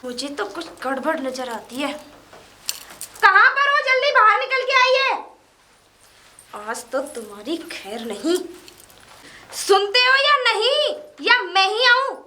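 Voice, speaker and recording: A woman playing a feisty, sharp-tongued neighbour's wife in a comedy sketch, answering back quickly. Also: a little high, slight background noise, close to an everyday voice. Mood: angry. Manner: quick, retorting.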